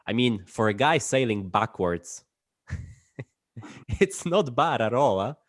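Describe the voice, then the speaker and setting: A man's voice: medium pitch, animated, slow, dry recording, clean studio sound. A man hosting a casual interview, putting informal questions and rephrasing them as he goes. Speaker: interviewer, host.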